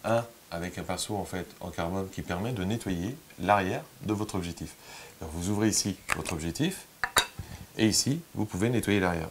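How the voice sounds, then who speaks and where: A man teaching photography, talking viewers through a hands-on cleaning demonstration in a relaxed, chatty way with frequent hesitations. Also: deep voice, slight background noise.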